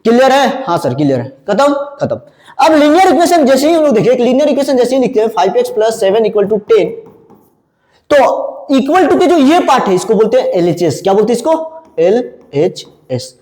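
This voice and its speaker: A male math teacher with a high, sing-song voice that leaps up and down as he quizzes his class. He keeps asking a question and supplying the answer himself. The sound is roomy, with a long reverb trailing after his words. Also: lively intonation, fairly quick, mellow. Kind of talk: classroom lecture. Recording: echoey room with long reverb.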